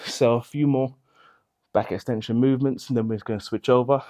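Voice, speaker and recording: A man leading a mat Pilates workout, calmly cueing each movement and counting the reps, somewhat out of breath. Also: medium pitch, brisk. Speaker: Pilates instructor. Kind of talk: guided workout instruction.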